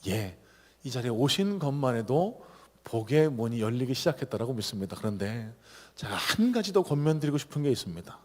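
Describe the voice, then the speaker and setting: A middle-aged man preaching a sermon as a pastor, swinging between loud calls and low, quiet asides. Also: big pitch swings, brisk. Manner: acts out shouted cries and quoted voices. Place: church sanctuary. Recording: long hall reverb of a church.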